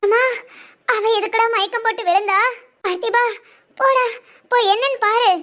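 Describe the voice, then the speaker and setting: A woman's voice: extremely high pitch, steady tone, normal speed, a bit bright. A woman voicing a fussy, aching elderly mother-in-law in a family cartoon, complaining and chiding. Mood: pained. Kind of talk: Tamil family cartoon voice acting.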